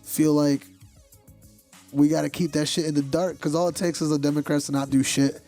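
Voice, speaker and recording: Gravelly young man, rambling slangy talk. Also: on the high side, little pitch movement, fairly quick, mellow, faint music behind. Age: young adult. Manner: rambling, slangy, profane, lots of fillers. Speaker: podcast co-host. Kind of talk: casual chat among friends.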